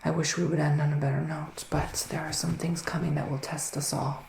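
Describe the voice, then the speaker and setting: An ASMR performer plays a psychic male witch living in the woods who gives readings, speaking softly and partly in whispers with mystical, theatrical phrasing. His voice is on the high side, level in tone, brisk and marked by vocal fry, recorded with a roomy echo and faint background noise.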